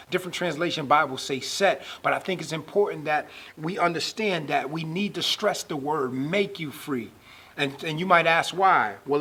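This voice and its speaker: Husky-voiced man preaching a sermon. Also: fairly high pitch, a bit bright. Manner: rises and swells when reading scripture.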